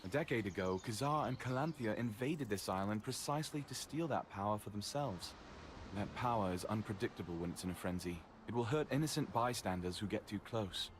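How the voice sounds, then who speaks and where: Metallic-sounding rock guardian. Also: male voice, lowish voice, expressive, a little hiss or hum. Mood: solemn concern. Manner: earnest, measured, solemn advice. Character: grave male rock-bodied island guardian. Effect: metallic, robotic-sounding voice. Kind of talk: game character dialogue.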